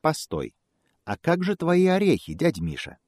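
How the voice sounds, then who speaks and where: A man's voice: on the high side, wildly swooping pitch, normal speed, darkish tone, no echo, studio quality, pitched above the performer's own voice. A man voicing a friendly male cat in a fairy tale, easygoing and polite.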